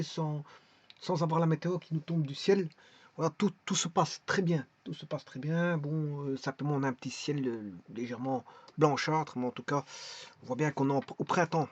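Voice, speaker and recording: A man's voice: on the high side, darkish tone, no echo, dull audio. A man talking casually in a vlog, presenting a website with many hesitations, restarts and repeated words.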